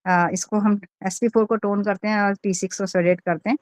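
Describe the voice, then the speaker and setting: A woman's voice: medium pitch, fairly even intonation, a little fast, dry recording. Give me a woman teacher reading and explaining course notes to students. Her voice sits in an ordinary middle range and sounds close and dry. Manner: explains in Hindi with English readouts, many fillers. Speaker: acupressure teacher. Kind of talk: online class lecture.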